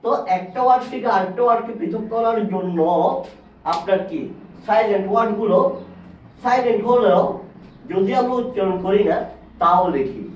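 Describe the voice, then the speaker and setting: A man teaching an English lesson at a whiteboard. He repeats words slowly and asks questions. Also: high-pitched, a little hiss or hum. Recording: distant, echoey, dull classroom sound.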